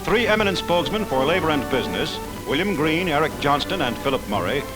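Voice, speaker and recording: A man's voice: on the high side, sing-song, quick pace, low-quality recording. A man narrating an old 1940s wartime newsreel in an urgent, declamatory voice. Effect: old wartime newsreel sound. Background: orchestral music.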